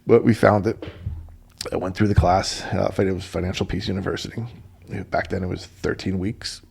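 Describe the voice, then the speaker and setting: A middle-aged man with a low, gravelly, somewhat husky voice tells a personal story on his radio show. He talks in a relaxed, animated way and acts out the conversations he quotes. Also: normal speed. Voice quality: deep gravelly voice.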